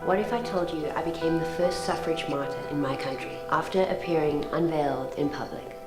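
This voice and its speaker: Low-voiced woman narrating over music. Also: a little fast, roomy sound. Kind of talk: scripted narration.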